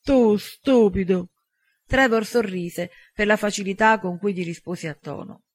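A man reading an audiobook in an even, measured narration. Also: high-pitched.

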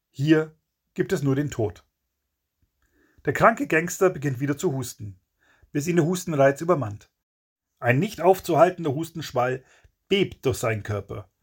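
A man's voice: on the high side, husky. A man narrating a crime story in a dramatic, punchy audiobook reading.

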